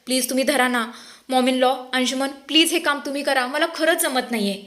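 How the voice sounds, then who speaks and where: A woman's voice: sits high, fairly quick, a bit bright. A woman voicing a whiny, coaxing young schemer. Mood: whining.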